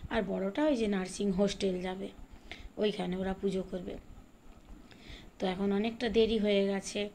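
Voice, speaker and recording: A middle-aged woman from Bengal chatting in a rambling way while she bakes in her home kitchen, sometimes speaking softly. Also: mid-range voice, creaky. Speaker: home cooking vlogger. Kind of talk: casual chat while baking. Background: fan hum and rain outside.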